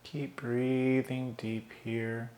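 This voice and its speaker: A man guides a meditation in a slow, soothing voice of middle pitch. He leaves long pauses between calm breathing instructions. The recording has a roomy echo with a faint ambient hum behind it.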